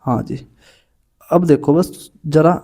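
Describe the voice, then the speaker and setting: A man's voice: a little high, slow pace, mellow, husky. A young man coaching exam students through puzzles on a board, chatty and informal, often calling listeners "bhai".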